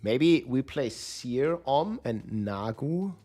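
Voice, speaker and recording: Man on livestream headset audio, lively. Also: medium pitch, slow pace, soft background music. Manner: thinks aloud, addresses chat directly. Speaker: game streamer. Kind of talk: casual livestream chat while planning builds.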